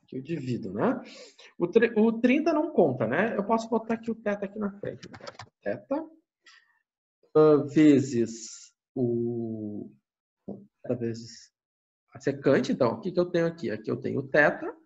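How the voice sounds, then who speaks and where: Brazilian guy teaching math, lively up-and-down voice, keeps going "né?", kinda muffled lo-fi audio. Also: a little high, moderate pace. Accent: Brazilian Portuguese. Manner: thinks aloud, asks and answers his own questions; frequent tag questions. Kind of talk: lecture walking through a calculation.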